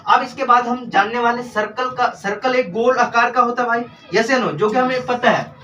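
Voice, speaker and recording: A man's voice: extremely high pitch, normal speed, sharp tone, distant mic, highs cut off, slight background noise. A male tutor teaching a live class, asking questions and repeating the answers. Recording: echoey room, recorded from afar.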